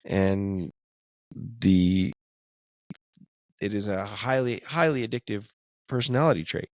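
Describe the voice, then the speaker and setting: A man's voice: lowish voice, slow pace, dry recording, clean studio sound. A man co-hosting a casual faith podcast, talking in a thoughtful, hedging way and laughing often. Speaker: podcast co-host.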